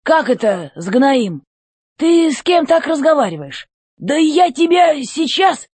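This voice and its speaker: A woman voicing a feisty, indignant old man with a husky voice. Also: high-pitched, big pitch swings, takes it slowly, darkish tone, dry recording, pitched above the performer's own voice, heavily acted. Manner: indignant, rising to threats.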